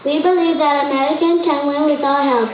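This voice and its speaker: A woman's voice: high voice, fairly even intonation, a little fast, close to an everyday voice. A woman playing a French soldier in a school history skit, reading plainly. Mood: firm. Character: French soldier, allied with Americans. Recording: echoey room, far mic, dull, faint noise.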